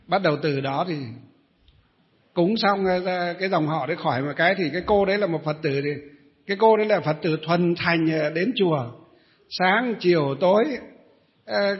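A middle-aged Buddhist monk tells a long story to his listeners in a high voice. He rambles, pauses on fillers and throws questions at the audience. The recording sounds dull and lo-fi. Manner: rambling storyteller, many hesitations, addresses listeners. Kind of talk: storytelling dharma talk.

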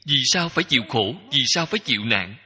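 A man giving a Buddhist dharma talk as a teacher, speaking in slow, measured short phrases that repeat. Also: medium pitch, lively intonation, pushed and bright, breathy edge. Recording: long hall reverb.

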